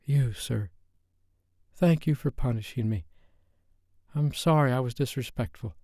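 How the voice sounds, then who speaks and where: A man's voice: mid-range voice, measured pace, mellow, dry recording, studio quality, pitched above the performer's own voice, close to an everyday voice. An audiobook narrator voicing a young woman who pleads and answers in a breathless, trembling way. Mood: submissive. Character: young woman in a strict submissive relationship, pleading. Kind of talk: audiobook character voice.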